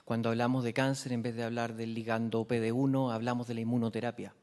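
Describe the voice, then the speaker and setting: A man, a scientist speaking in a committee session and explaining his points briskly. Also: mid-range voice, level tone, a little mellow. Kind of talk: committee discussion.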